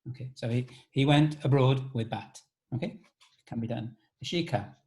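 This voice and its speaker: Man hosting a video call, mellow voice. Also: medium pitch, moderate pace. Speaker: teacher hosting alumni talk. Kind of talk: casual video call moderation.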